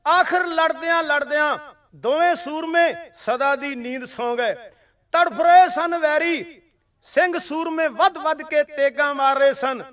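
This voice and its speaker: A man with a high, ringing voice tells a battle story in a dramatic, rhythmic recital, slipping into sung verse. He sounds set back from the microphone, as if recorded from a little distance. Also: a little slow, fairly bright tone. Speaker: religious storyteller. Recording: distant mic.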